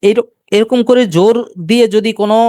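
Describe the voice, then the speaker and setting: A male teacher with a Bangladeshi Bengali accent gives a live grammar lecture. He keeps asking the class questions and repeats key terms slowly. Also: high voice, flat delivery, dark tone, no room sound, clean studio sound.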